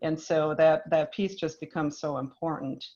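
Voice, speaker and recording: A woman from Minnesota, a business leader speaking on a panel in a measured, thoughtful way with frequent restarts. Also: deep voice, steady tone, dark tone, muffled recording. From Minnesota, United States. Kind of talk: panel discussion.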